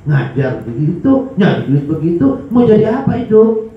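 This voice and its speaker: A lively male preacher, his voice sitting a little high and swinging between loud cries and low mutters. He is heard in a big echoing hall on a dull, lo-fi recording with a faint hiss underneath. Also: normal speed. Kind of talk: religious study sermon.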